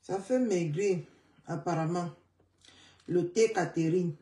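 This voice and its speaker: Hoarse woman, slow roomy live stream. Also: on the low side, mellow, distant mic. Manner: greets viewers by name and repeats calls to share. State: hoarse, voice partly gone. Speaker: livestream host. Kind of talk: casual social-media live chat. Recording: roomy sound, away from the mic.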